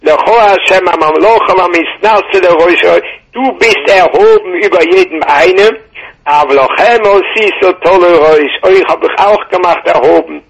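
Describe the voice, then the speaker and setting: Male Torah teacher, husky and gravelly, halting delivery with repeats, muffled phone line. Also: sits high. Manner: halting, repeats words, mixes Hebrew into German.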